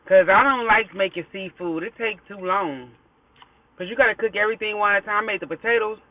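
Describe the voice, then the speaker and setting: High-pitched man, American accent, mouth full while talking, casual mukbang chat, thin phone-like car recording. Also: brisk. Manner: talking with mouth full, chewing and murmuring between bites. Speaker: food vlogger. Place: inside a parked car.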